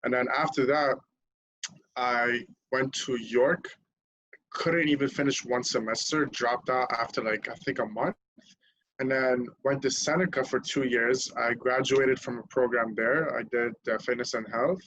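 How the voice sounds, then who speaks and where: A man's voice: mid-range voice, steady tone, unhurried, fairly bright tone, lo-fi sound, slight background noise. A young man from Lebanon, a podcast guest telling his story candidly in casual chat, swearing freely and laughing at himself.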